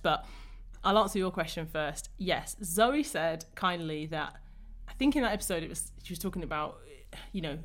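A woman hosting a podcast, talking enthusiastically and reflectively in a casual conversation. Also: mid-range voice. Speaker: podcast host.

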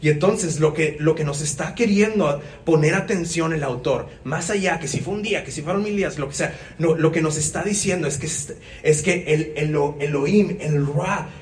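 Pastor preaching in a roomy church. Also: male voice, fairly high pitch, normal speed. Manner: conversational, jokes with the congregation, many restarts. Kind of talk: sermon. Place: church sanctuary. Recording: roomy church sound from a distance.

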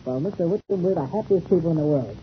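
An actor playing an earnest, excitable young airplane pilot in an old-time radio serial. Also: male voice, on the high side, fast talker, natural voice. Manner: earnest, eager. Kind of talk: 1930s radio serial acting. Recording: muffled old radio recording, faint noise.

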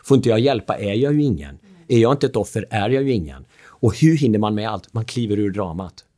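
Man, animated talk-show guest, lively pitch, playful storyteller. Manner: lively, acts out quotes, laughs often. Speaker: speaker on the drama triangle, a father.

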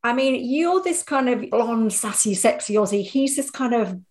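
A middle-aged woman co-hosting a chatty interview, her voice pitched a little higher than most. She asks questions playfully and keeps the conversation light. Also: lively intonation, normal speed, a little mellow. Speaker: podcast co-host. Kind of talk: casual interview chat.

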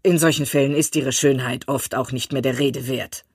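A woman's voice: rumbling low, fairly even intonation, moderate pace, breathy edge, no echo. Woman reading a dry, laconic husband. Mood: dry, teasing. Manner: dry, understated. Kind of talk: audiobook reading.

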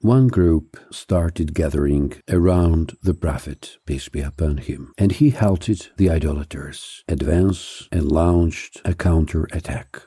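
A man narrates a scripted history in a steady, measured read that slows down to weigh each item of a list. His voice sits low and sounds very dark and mellow. It is recorded dry and close, with no room sound. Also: husky, dry recording. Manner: measured, even reading with slowed, stressed lists.

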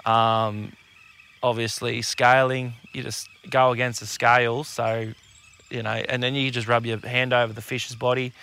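This Australian man's mid-range voice is level and unhurried, with vocal fry and a sharp yet smooth tone. Co-hosting a podcast, he keeps it casual, talking like a laid-back tradesman bloke who's slangy and sweary.

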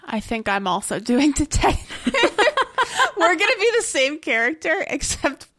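A woman's voice: high voice, very animated, a little slow, bright, forceful tone. A woman playing a tabletop game, making wry teasing remarks. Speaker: player. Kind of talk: casual tabletop game chat.

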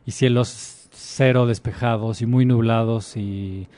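A man's voice: medium pitch, fairly even intonation, slow, warm tone. A man, a theater director guest in a casual interview, tearful yet playful and laughing easily.

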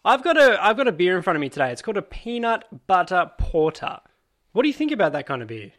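A man's voice: high-pitched, sing-song, fast, fairly bright tone. A young man hosting casual beer-tasting banter in a blokey, joking, sweary way. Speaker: show host.

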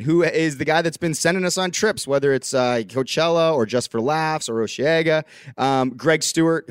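A man's voice: medium pitch, clear, resonant tone, no room sound, studio quality. A man hosting a podcast in casual, chatty talk with many fillers. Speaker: podcast host.

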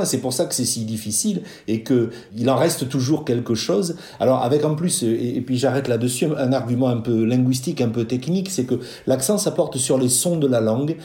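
Measured male linguist, mellow voice. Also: mid-range voice, roomy sound. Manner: measured, deliberate, many hesitations. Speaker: linguist guest. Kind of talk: explanatory interview answer.

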